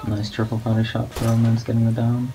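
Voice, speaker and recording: A man giving low-key, monotone play-by-play commentary on a competitive match as a guest commentator. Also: brisk, rough recording. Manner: not much of a talker. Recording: steady background noise.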